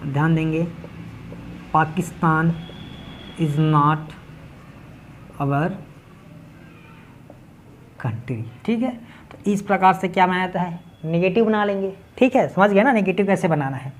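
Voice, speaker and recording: A man's voice: high-pitched, darkish tone. A man from Chhattisgarh teaching English grammar in Hindi with a local accent, explaining step by step and often checking in with his class. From Chhattisgarh, India. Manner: step-by-step, keeps checking in with "ठीक है". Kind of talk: classroom grammar lesson at a board.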